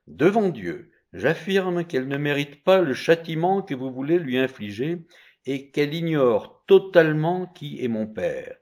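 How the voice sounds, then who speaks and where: A defiant young seer, as a man reads him in a raised voice, pressing his case loudly in a storybook telling. His pitch leaps about as he accuses and warns. He never backs down. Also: very animated, a little slow, heavily acted. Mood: solemn. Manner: loud pressing declamation. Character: clever boy seer, bold, accusing, solemn.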